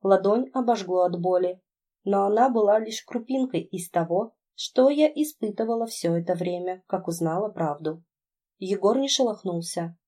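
A woman narrating an audiobook in the first person, telling the story in an emotional, expressive way. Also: mid-range voice, moderate pace.

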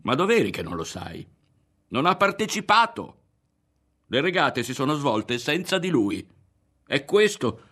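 A man reading a novel aloud and voicing an excited young companion who insists on the news. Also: fairly low pitch, moderate pace, husky, full character voice. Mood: insistent. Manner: insistent, animated.

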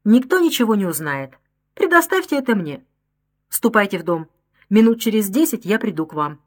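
A woman voicing a calm male doctor in an audiobook, speaking in a hushed, soothing way. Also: mid-range voice, moderate pace. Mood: grave.

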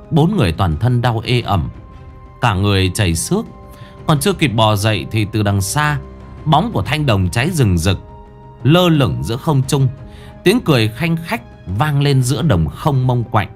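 A man narrating a ghost story in a dramatic storytelling manner. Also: mid-range voice.

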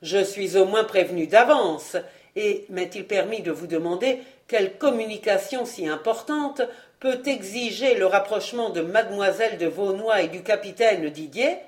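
A woman voicing a scheming nobleman father, with gruff, sarcastic speech and booming outbursts. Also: normal speed, lightly acted. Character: scheming middle-aged nobleman father, blustering.

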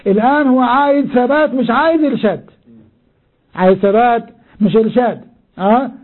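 A man's voice: extremely high pitch, a little fast. An older man teaching a lesson on Quran interpretation, explaining step by step, turning often to his students and repeating key words. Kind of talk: classroom tafsir lesson. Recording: muffled phone-like lo-fi recording.

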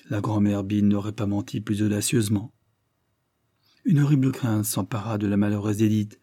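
Low, dark-voiced male audiobook narrator.

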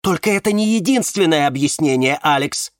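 A man reading a novel aloud, voicing a bitter, sharp-tongued young woman with a raised, biting voice. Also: on the high side, lively intonation, brisk, no echo, studio quality, voice pushed up, natural voice. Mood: accusing. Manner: scornful, biting.

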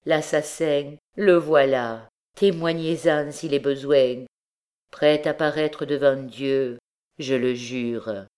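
A woman voicing a wounded, dying mother who speaks slowly and solemnly. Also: extremely low pitch, fairly even intonation, darkish tone. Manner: slow solemn speech.

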